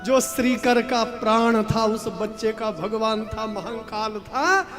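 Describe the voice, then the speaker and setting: Brief: a male preacher telling a sacred story, high and deliberate, backed by instrumental music. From Uttarakhand, India. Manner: dramatic, emotive, rhetorical asides to listeners. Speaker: scripture storyteller. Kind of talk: devotional sermon storytelling.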